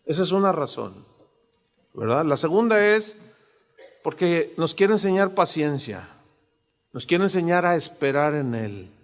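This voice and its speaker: Man, 60s, pastor, animated sermon, high voice, long hall reverb. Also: measured pace, pauses often. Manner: animated, acts out quoted voices.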